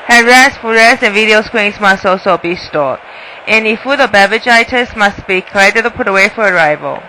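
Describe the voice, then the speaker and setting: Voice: mid-range voice, moderate pace, bright, forceful tone, a little hiss or hum, rough recording. A flight attendant making a polite, formal landing announcement in the cabin. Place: aircraft cabin.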